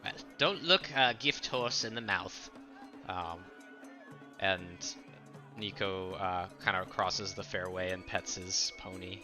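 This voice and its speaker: A man playing a tabletop game, casually and haltingly narrating what his character says and does. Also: low-pitched, over music.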